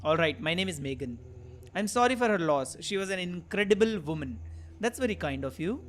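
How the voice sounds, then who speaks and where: A man reading the lines of a young woman in a game who is grieving her mother, in a slow, careful way. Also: high voice, lively intonation, slight background noise, heavily acted. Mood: subdued.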